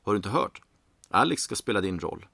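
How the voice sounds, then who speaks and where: A man's voice: on the low side, very animated, gravelly, bright, forceful tone, no room sound, clean studio sound, heavily acted. A man voicing a cheerful, bearded male film director who talks in an eager, chirpy way. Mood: gleeful, teasing.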